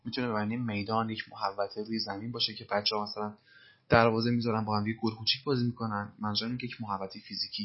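A man's voice: fairly low pitch, husky, muffled recording. A man teaching English through film lines, explaining phrases patiently and methodically. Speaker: language teacher.

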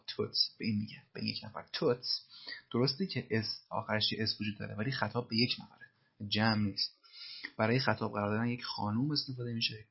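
A man teaching English, repeating film lines slowly and then explaining them in Persian. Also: fairly low pitch, gravelly, slightly rough, muffled recording.

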